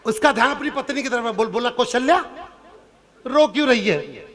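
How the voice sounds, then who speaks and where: Male stage comic poet, piercing high pitch, storytelling for a live show. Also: expressive, normal speed, fairly bright tone. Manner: acts out characters' lines in shifted voices; turns earnest and preachy near the end. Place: outdoor or hall stage before a live audience.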